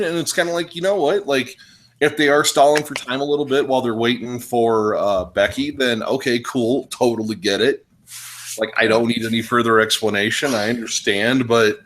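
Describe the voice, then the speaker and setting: A man co-hosting a wrestling podcast, talking in a loose, rambling way with lots of restarts and animated rants. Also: medium pitch. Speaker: podcast co-host. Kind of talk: casual wrestling podcast chat.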